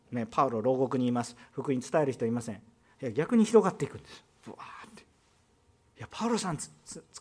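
A man with a Kansai Japanese accent preaches a sermon in a church. His pitch swings widely as he talks, and he keeps it conversational, using rhetorical questions and quick asides to the congregation. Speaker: pastor.

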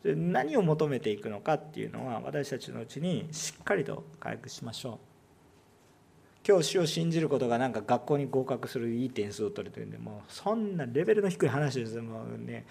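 A male pastor with a Kansai accent preaching a sermon, swinging between loud emphatic lines and hushed ones and putting rhetorical questions to the congregation. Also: medium pitch, expressive, fairly quick, vocal fry, husky. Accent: Kansai Japanese.

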